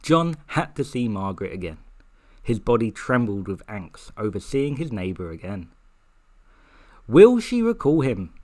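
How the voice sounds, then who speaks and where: A man's voice: fairly low pitch, animated, moderate pace. A man co-hosting a comedy podcast, reading a steamy story aloud in a playful, giggly, mock-dramatic way.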